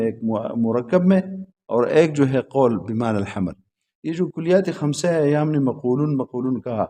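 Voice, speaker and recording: Mellow-voiced man teaching a class. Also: medium pitch. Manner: quizzes students, then repeats their answers; patient, repetitive explaining. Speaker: religious school teacher. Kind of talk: classroom lecture on logic.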